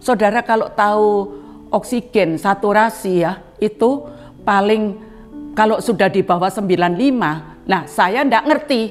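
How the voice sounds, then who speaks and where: A woman's voice: unhurried, faint music behind. An older woman giving an earnest spoken testimony in a church service, addressing the congregation directly and acting out remembered dialogue. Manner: earnest, addresses congregation as beloved brothers and sisters; acts out quoted dialogue with rising pitch.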